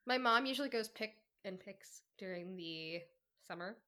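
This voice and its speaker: A woman's voice: medium pitch, animated, moderate pace, sharp tone. A young woman in casual chat with a friend, chatty and rambling through anecdotes.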